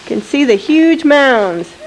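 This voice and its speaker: A woman's voice: high-pitched, lively intonation, a little slow, rough recording. A woman filming her children outdoors in the snow, narrating the home video and coaxing the kids to wave, heard through an old handheld camcorder's built-in mic. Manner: narrates what she films and coaxes the kids to wave. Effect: old camcorder audio with faint hiss. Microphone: built-in mic of the handheld camcorder she holds. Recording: old camcorder audio, faint hiss.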